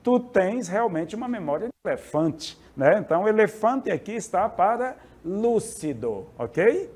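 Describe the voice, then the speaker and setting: Lively Brazilian-born male teacher. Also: high-pitched, measured pace, breathy edge. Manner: lively, asks the class for agreement. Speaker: Spanish teacher. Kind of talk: classroom vocabulary lesson.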